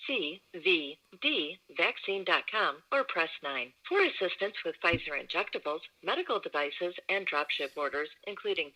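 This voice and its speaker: A woman reading a recorded phone menu message for a customer service line, in an even, measured, scripted announcer manner. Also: lowish voice. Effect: recorded phone menu played over a phone line.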